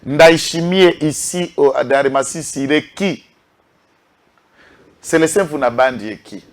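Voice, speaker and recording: A man's voice: fairly high pitch, a little slow. A man with a Congolese French accent giving impassioned political commentary, emphatic and full of rhetorical questions. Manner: emphatic, rhetorical questions, lists names with a repeated "est qui?".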